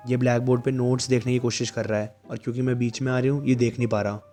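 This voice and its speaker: A man's voice: mid-range voice, level tone, fast talker, dark tone, faint music behind, natural voice. A man voicing a cheerful, bossy teenage schoolgirl, without much change from his own voice, in a comic-book recap. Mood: chiding.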